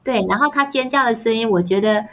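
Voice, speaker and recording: A woman's voice: on the high side, fast, very noisy. A woman, a parenting author telling family anecdotes as a podcast guest and mimicking the voices of her family. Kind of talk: storytelling in a podcast interview. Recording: slightly dull, muffled sound.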